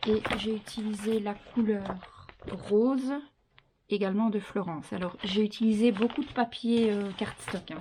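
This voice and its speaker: Walking viewers through her handmade scrapbook album at home, a woman with a non-French accent chats her way through the tutorial, counting out steps and using fillers. She has a warm, husky, medium-pitched voice.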